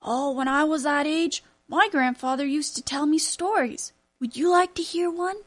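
A woman voicing a strong, kind old grandfather who tells his grandson stories, in a warm, steady storytelling manner. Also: high-pitched, moderate pace.

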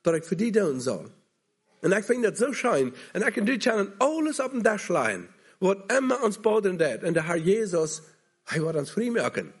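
Husky high-voiced male preacher. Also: sing-song, normal speed. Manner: earnest, pleading calls to come to Jesus. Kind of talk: sermon.

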